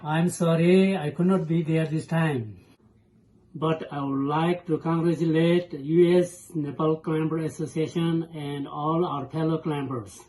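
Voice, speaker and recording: An association president gives a brief, polite video greeting. His voice is fairly high and courteous. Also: steady tone, unhurried, mellow, low-quality recording.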